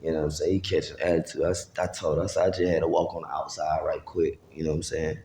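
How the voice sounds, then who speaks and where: Gravelly deep man telling a rambling story. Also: little pitch movement, fast talker, mellow, reverberant, a little hiss or hum. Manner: rambling, profane street talk with acted-out quotes. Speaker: vlogger. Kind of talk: casual storytelling to camera.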